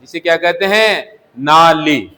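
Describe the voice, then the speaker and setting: A man's voice: fairly high pitch, slow, sharp tone. A male Hindi teacher in a classroom lesson, asking questions and answering them himself, repeating key words. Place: coaching classroom.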